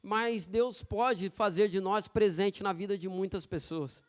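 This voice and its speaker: A man preaching to his congregation, with a notably high voice. He talks informally and keeps checking in with the room through quick tag questions. His tone is smooth and resonant as he tells personal stories from the pulpit. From São Paulo, Brazil. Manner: conversational, personal storytelling with frequent tag questions. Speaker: pastor. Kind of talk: sermon. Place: church sanctuary.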